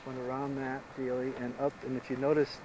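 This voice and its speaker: Man, easygoing rambling storyteller, quick talker, old VHS home video, tape hiss. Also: mid-range voice, completely flat delivery, a little mellow, rough recording. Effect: old VHS home video tape sound. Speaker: local guide showing a visitor around. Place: outdoors on a rural property. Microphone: camcorder microphone.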